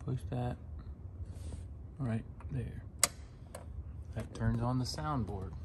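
Slow and mid-range, this man's voice guides a casual, hands-on equipment demonstration. He's an instructor in an auditorium control booth indoors, giving short, plain, step-by-step directions while a handheld phone films the equipment, picking up noise and room ambience.

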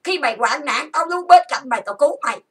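A woman's voice: high-pitched, lively intonation, quick pace, fairly bright tone, recorded from a distance. A woman hosting her own channel, delivering an angry, accusatory rant full of insults and repeated lists. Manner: accusatory, insulting, repetitive listing. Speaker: channel host. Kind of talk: angry ranting monologue.

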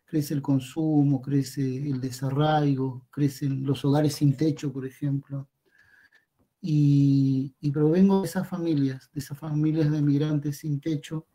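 A man's voice: fairly high pitch, mellow. A poet from Patagonia introducing his poem, hesitant and searching for words, often repeating himself. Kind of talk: poetry reading introduction.

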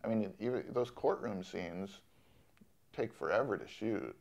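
A man in his forties, a film director, speaking thoughtfully in an interview with many pauses and restarts. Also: on the low side, expressive, creaky. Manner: soft-spoken, thoughtful, with many ums and restarts. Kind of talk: interview conversation. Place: studio in Los Angeles.

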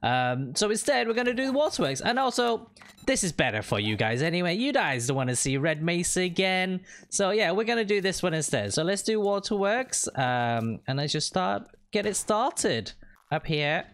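Lively chatty man narrating gameplay. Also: sits high, normal speed. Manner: chatty, upbeat, thinks aloud while playing. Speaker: gaming channel host. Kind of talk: co-op gameplay commentary. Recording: game sound and gunfire behind the voice.

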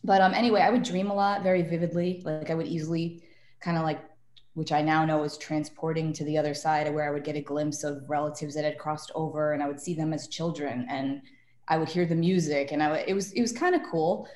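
A New York woman appears as a guest tarot reader on a casual podcast, rambling chattily through stories and saying "like" a lot. Her voice sits low and sounds darkish, with fairly even intonation and a fairly quick pace. The recording has a roomy echo.

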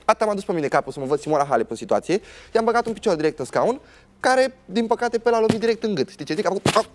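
A man's voice: high-pitched, sing-song, a little hiss or hum. A young man, a guest on a TV talk show, telling a personal story in a dramatic way and acting out what other people said.

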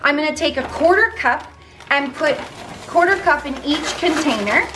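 A woman's voice: high voice, expressive, moderate pace, noisy background. Chatty woman cooking in her kitchen. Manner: chatty, upbeat, talks while cooking. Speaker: vlogger sharing meal prep. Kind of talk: casual cooking vlog. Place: home kitchen, indoors. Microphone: handheld camera held close.

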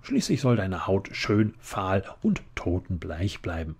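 A man voicing a haughty vampire countess mother who scolds sweetly and teases with odd pet names, in a relaxed ASMR story reading. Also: low voice, a little slow, breathy edge, exaggerated voice. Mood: fussy. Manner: sweetly bossy, pet-name teasing.

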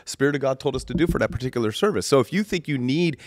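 Animated man in casual church talk. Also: very fast, no echo. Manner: animated storytelling, swoops in pitch.

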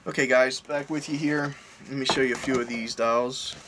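A man in his forties with a medium-pitched voice speaks at normal speed with fairly even intonation, and there's background noise. Seated at his desk in front of a webcam, in an indoor home office packed with collectibles, this collector and online reseller gives a rambling, offhand vlog update, often correcting himself mid-sentence.

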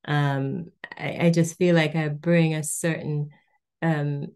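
Jamaican lady on a video call interview, low voice, storytelling and doing the voices of people she quotes. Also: fairly even intonation, slow pace, a little mellow, smooth. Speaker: guest.

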